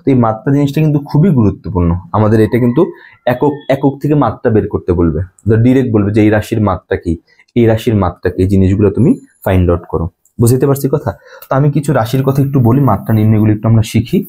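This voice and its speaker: A man's voice: fairly low pitch, rapid-fire, mellow, breathy edge. A young man teaching a physics lesson, repeating key points and checking that students follow. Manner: repetitive, asks students check questions. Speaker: physics tutor. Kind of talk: classroom lecture.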